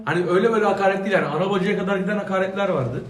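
High, fast-talking man griping about football. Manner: rapid, complaining, keeps talking over others. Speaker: football pundit, Fenerbahçe supporter. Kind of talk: casual panel chat. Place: studio with a panel. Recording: roomy studio sound.

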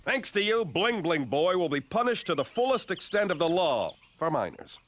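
A man voicing a stern, deadpan government agent in a cartoon, with an official manner. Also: high-pitched, normal speed. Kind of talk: cartoon acting.

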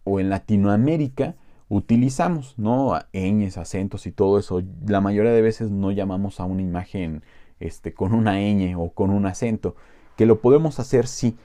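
A man with a Mexican Spanish accent casually walking viewers through a software tutorial, rambling with many fillers and asides. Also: on the low side, moderate pace. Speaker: tech tutorial host.

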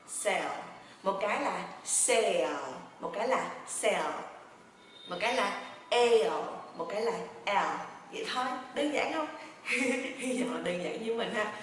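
A woman teaching a pronunciation lesson, chatty and encouraging, drilling words by repeating them slowly and then quickly. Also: mid-range voice. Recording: echoey room, heard from a distance, faint noise.

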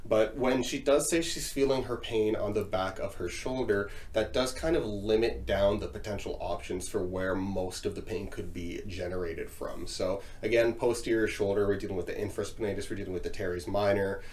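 A man's voice: lowish voice, moderate pace, few pauses, darkish tone. A man in his thirties talking as a chiropractor, giving clinical explanations during a hands-on exam. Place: small indoor treatment room. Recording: noisy room ambience.

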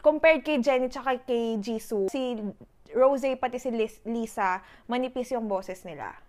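A woman's voice: a little high, normal speed, a little mellow. A young woman with a Filipino accent, chatting playfully and poking fun at herself in a casual vlog. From Philippines. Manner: chatty, playful, self-deprecating. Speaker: YouTuber. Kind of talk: casual vlog talk, Taglish.

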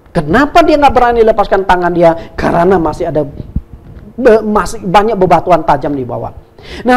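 A woman's voice: mid-range voice, a little mellow. A woman preacher telling an illustration in a sermon, asking the congregation rhetorical questions.

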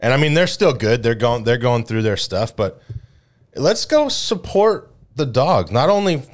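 A man co-hosting a casual sports podcast in an ordinary, mid-pitched voice. He talks with emphatic energy, urging people to get behind the team and ribbing his co-host. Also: very animated, unhurried. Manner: rallying, emphatic, teasing.

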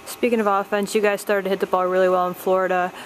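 A woman's voice: mid-range voice, flat delivery, fast, slight background noise, low-quality recording. A woman interviewing a coach, asking postgame questions evenly with "you know" fillers.

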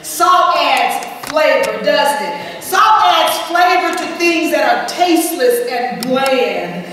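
A woman pastor preaches in a high voice at a slow, emphatic pace, pausing to draw an "Amen?" from the room. She is picked up from a distance in a church sanctuary, with a long echo trailing each phrase and a faint hum underneath. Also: expressive, a bit bright. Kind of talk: sermon.

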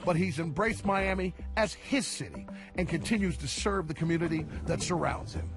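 A man reading scripted documentary narration in a measured way. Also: on the high side, lively intonation. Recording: music bed underneath.

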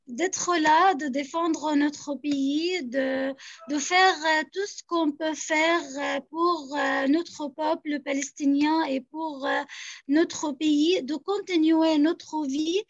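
A young activist speaking from Gaza answers a question on a video call, hesitant and full of fillers and restarts. Her voice sits high, with a steady tone and slow pace, and the recording is dry, dull lo-fi call audio.

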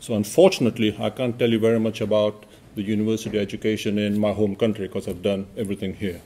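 A man from Uganda, a senior lecturer, speaking on a panel in a measured, matter-of-fact way. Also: lowish voice, level tone, dark tone, slight background noise. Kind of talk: panel discussion answers.

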